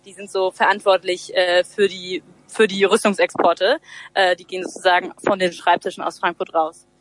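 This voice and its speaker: A woman's voice: fairly low pitch, flat delivery, normal speed, dry recording. A woman in her twenties from Germany, an activist guest explaining earnestly with frequent hesitations over a phone call. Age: 20s. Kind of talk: interview answers.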